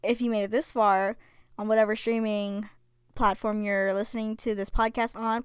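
A woman's voice: fairly high pitch, smooth, no room sound. A young woman hosting a casual solo podcast, chatty with lots of fillers, reading stories aloud. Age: young adult. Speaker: podcast host.

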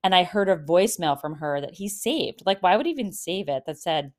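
A woman's voice: fairly low pitch, lively intonation, a little fast. A woman nearly fifty talking casually about dating in a rambling, chatty monologue, full of fillers and laughs. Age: 40s. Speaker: podcast host.

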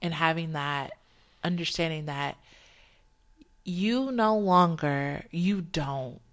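Woman, podcast co-host, deep voice, reflective, heartfelt. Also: slow pace, fairly bright tone. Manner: reflective, heartfelt, speaks of faith. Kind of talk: casual podcast conversation.

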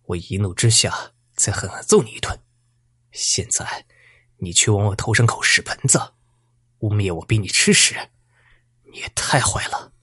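A man voicing a proud old village schoolteacher, speaking low, hushed and husky, half whispering. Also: expressive, normal speed, pauses often, dry recording, clean studio sound, full character voice. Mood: defiant.

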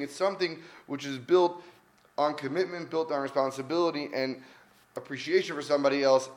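A man giving an earnest weekly Torah talk, telling stories in a conversational way and stressing his points by repeating them. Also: a little high. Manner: earnest, conversational, with emphatic repetition. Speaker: Torah teacher.

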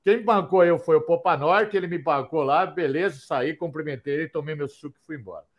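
A man's voice: fairly high pitch, fairly quick, highs cut off. An older man, nervous and cursing as he stammers through a heated rant on a video call.

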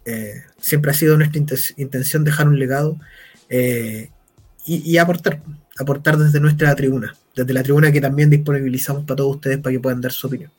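A man's voice: medium pitch, fairly even intonation, a little fast, darkish tone, slightly rough. A man co-hosting a podcast, speaking earnestly with many hesitations. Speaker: podcast co-host. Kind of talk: casual podcast chat.

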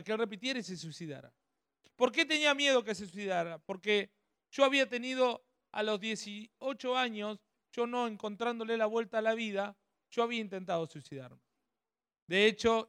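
High-voiced man teaching a workshop. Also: a bit bright, clean tone, no room sound, studio quality. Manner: conversational, checks with the audience often. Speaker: speaker at a family workshop.

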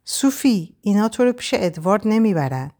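A woman reading the part of a desperate young captive in an audiobook, her voice kept low and urgent as she presses her friend to flee. The tone lifts somewhat above the reader's own and swings widely from line to line. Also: sing-song. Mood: pleading. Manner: urgent, hushed pleading. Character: desperate young Frenchwoman, captive, urging escape.

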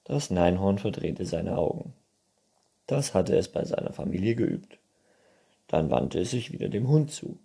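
A man's voice: low voice, animated, a little slow, vocal fry, mellow, slightly rough. A man reading a children's book aloud in a playful storytelling manner. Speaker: reader.

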